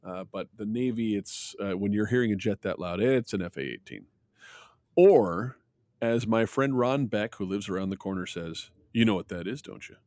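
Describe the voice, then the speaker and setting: A man hosting a podcast, talking into a mic held close with a dry, low voice. He chats casually, restarts his sentences and laughs a lot. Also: moderate pace, darkish tone, dry recording. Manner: chatty, laughs often, many restarts. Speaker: podcast host. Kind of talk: casual chat. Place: outdoors, with jets passing over. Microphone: close microphone.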